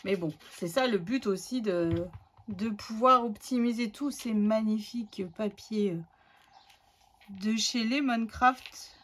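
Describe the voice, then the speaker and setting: A woman's voice: a little high, slow pace. A woman hosting a scrapbooking tutorial, chatting casually and thinking aloud as she works, with many fillers.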